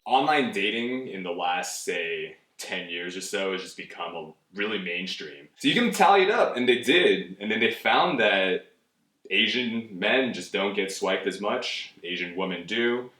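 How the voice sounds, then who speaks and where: A man's voice: deep voice, animated, unhurried, bright, forceful tone, recorded from a distance. A man in his twenties from California, a guest in a casual interview, laid-back and candid, with many likes. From California, USA. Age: 20s. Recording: roomy, from off the mic.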